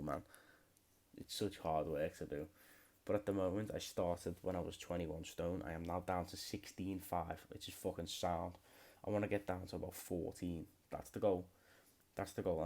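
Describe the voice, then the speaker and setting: A British man in his late twenties hosts a podcast solo, rambling through a casual chat heavy with swearing. His voice is low-pitched with a darkish tone.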